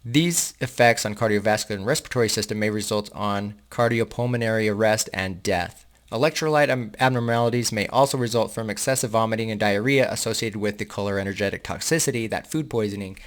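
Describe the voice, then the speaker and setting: A man's voice: lowish voice, a little fast. A man hosting a channel, reading an article aloud and breaking off into casual, indignant and sarcastic asides to his viewers. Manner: casual, addresses viewers as guys. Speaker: host reading and commenting on an article.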